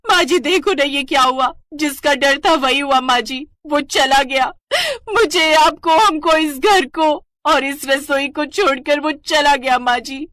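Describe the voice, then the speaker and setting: A woman's voice: fairly high pitch, normal speed, fairly bright tone, no echo, clean studio sound, close to an everyday voice. A woman voicing a naive, dramatic young daughter-in-law in a cartoon story. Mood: wailing. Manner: pleading, melodramatic.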